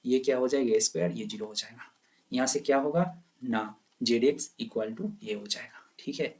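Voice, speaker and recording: In a slightly mellow, medium-pitched voice, a man delivers a maths lecture to students preparing for exams, speaking at normal speed. He raises questions and resolves them on his own, mixing English terms into his speech.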